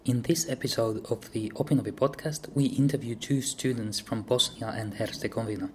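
A man hosts the podcast at a mid pitch. He reads his introduction in a measured way. His questions come out with some hesitant fillers. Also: steady tone, a little hiss or hum. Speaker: podcast host and interviewer. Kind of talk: scripted intro, then interview questions.

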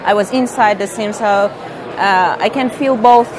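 A woman's voice: mid-range voice, unhurried, low-quality recording. A woman in her thirties from Iran, a student, answering interview questions hesitantly, searching for words. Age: 30s. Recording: crowd chatter behind.

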